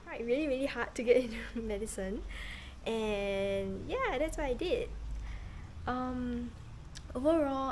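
A woman's voice: mid-range voice, a little mellow, slight background noise, rough recording. A woman in her thirties from Singapore, chatting earnestly to a camera held at arm's length on a house porch, with many fillers. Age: 30s. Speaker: vlogger, medical student. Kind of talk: casual talking-to-camera vlog.

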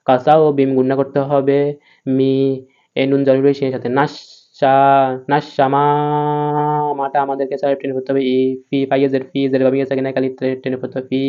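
A man teaching a recitation lesson, spelling out letters one by one and then chanting the verses slowly. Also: medium pitch, mellow, clean tone, dull audio. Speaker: Quran reading teacher.

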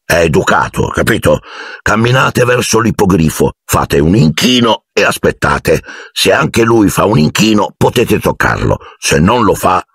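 Brief: a man playing a big gentle giant teacher, deep and husky, booming but halting. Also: no room sound, clean studio sound, full character voice. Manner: booming yet hesitant, with halting fillers.

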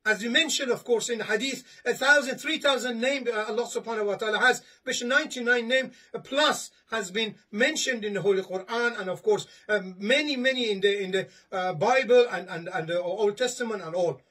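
Reading from papers and gesturing, a husky, high-voiced imam preaches his Friday sermon in a bookshelf-lined study, captured by a camera placed a few steps ahead. His tone is sharp and his pace a little fast with hardly any pauses. He is earnest but repetitive, with frequent restarts.

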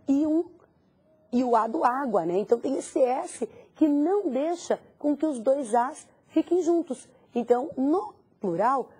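Very husky woman teacher, lively. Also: fairly high pitch. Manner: asks the student questions and answers them herself. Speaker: Spanish teacher. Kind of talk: recorded language lesson.

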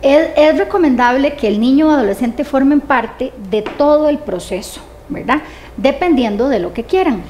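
A woman with a notably high voice, speaking as an expert guest in an interview. She explains things in a calm, measured way and often ends her points with a quick tag question, over a faint background hiss. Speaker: grief specialist guest.

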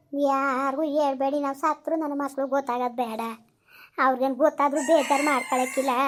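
A woman playing a sobbing abandoned grandmother. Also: high voice. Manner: wailing, pleading lament. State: crying. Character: weeping old grandmother abandoned by her children. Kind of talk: village comedy skit acting.

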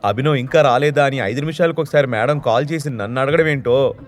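A man's voice: medium pitch, fairly quick, soft background music, natural voice. Guy reading a polite receptionist lady, tired of her boss. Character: polite female receptionist, grumbling.

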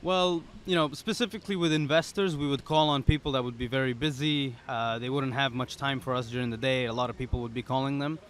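Talking quickly with few pauses, this young man's mid-range, fairly bright voice stays fairly even in intonation as he explains casually. He's a startup founder being interviewed at an outdoor pop-up podcast booth at a conference, captured on a boom-arm podcast mic, with faint conference ambience in the background.

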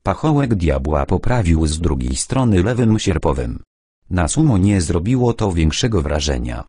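A man's voice: low-pitched, sing-song, normal speed, dark tone, breathy edge, no echo, clean studio sound. A man reading a novel aloud as an audiobook narrator, voicing the dialogue only by dropping his voice a little.

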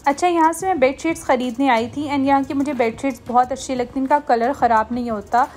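A woman's voice: high-pitched, fast, a little mellow, soft background music. A woman, chatting to viewers in a casual shopping vlog voice-over. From Pakistan. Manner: chatty, friendly, addresses viewers directly. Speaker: shopping vlogger.

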